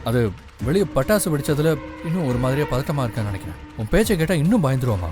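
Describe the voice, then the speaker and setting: Actor as a quick, lively reassuring young husband. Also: male voice, mid-range voice, lightly acted. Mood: reassuring, dismissive. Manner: dismissive, reassuring. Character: calm young husband brushing off his mother's fears. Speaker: son and new husband in a TV serial. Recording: dramatic background music.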